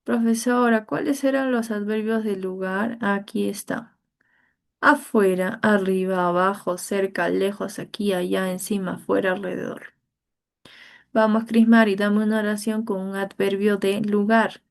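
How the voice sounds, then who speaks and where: A woman's voice: mid-range voice, steady tone, moderate pace, gravelly. A woman teacher leading an online grammar class over a video call, patiently coaxing each student by name.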